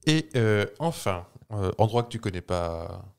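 A man's voice: lowish voice, animated, a little slow, vocal fry, clean tone. A man co-hosting a casual podcast, reading out quiz facts in a playful, teasing way and chuckling often. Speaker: podcast co-host. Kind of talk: casual chat, true-or-false quiz.

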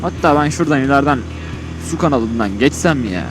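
A man riding a motorcycle outdoors on an open road records casual vlog commentary through his helmet, rambling colloquially as he thinks out loud. His mid-range voice is animated and fast. Music and a vehicle on the road can be heard behind him.

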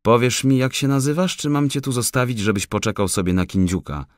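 A man's voice: medium pitch, fairly quick, dry recording, clean studio sound, pitched above the performer's own voice, close to an everyday voice. A man voicing a shrewd male forester who teases and bluffs, in an audiobook. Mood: teasing. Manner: mocking, bluffing. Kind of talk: audiobook character voice.

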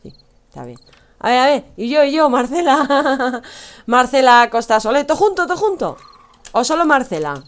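A woman's voice: high voice, big pitch swings, fairly quick. Chatty Spanish woman streaming a game. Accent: Spain Spanish. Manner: chatty, teasing, addresses chat, laughs often. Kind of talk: casual gameplay commentary.

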